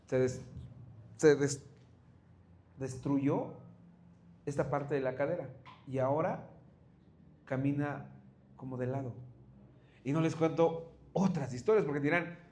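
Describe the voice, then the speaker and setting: A man delivers a sermon in a high-pitched voice. He tells stories and keeps putting rhetorical questions to his listeners. The sound is echoey, as if from a large, reverberant room. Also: a little slow, long pauses, a little mellow. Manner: storytelling with rhetorical questions to the congregation. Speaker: preacher.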